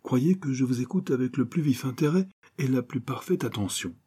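A man's voice: sits low, fairly quick, darkish tone, slightly rough. A man voicing a naive, pompous young private detective who gets flustered.

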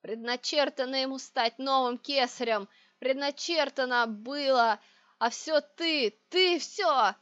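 A woman's voice: a little high, steady tone, a bit bright, dry recording. Woman playing a raving ancient crone witch. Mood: wailing. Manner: slow, wailing, hissing rants. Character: crooked ancient female witch, shrieking, raving. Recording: dry, dull lo-fi recording.

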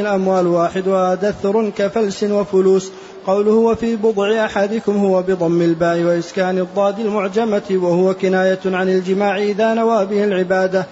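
A high-pitched man reads a classical text aloud in a steady recitation, stopping to spell out how each word is voweled. The recording is dull and lo-fi, with a faint hiss behind him.

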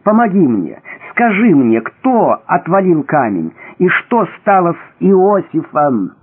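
A man's voice: fairly high pitch, big pitch swings, slow pace, slightly rough, pitched above the performer's own voice, exaggerated voice. A man voicing a distraught eldest brother, crying out and pleading in anguished bursts. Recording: thin phone-like audio.

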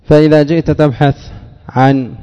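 A man's voice: on the high side, steady tone, warm tone, smooth, lo-fi sound. Man teaching grammar in an echoing hall. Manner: asks questions and answers them himself, drawls example words slowly. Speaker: teacher of Arabic morphology. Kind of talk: classroom lesson.

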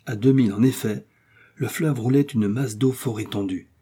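A man reading a classic adventure novel aloud as scripted audiobook narration, in a steady, measured way. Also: medium pitch, slightly rough. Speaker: audiobook reader.

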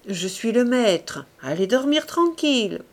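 A woman reading the lines of an authoritative male minister in an audiobook, in a measured, firm way. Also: fairly high pitch, very animated. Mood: guarded firm.

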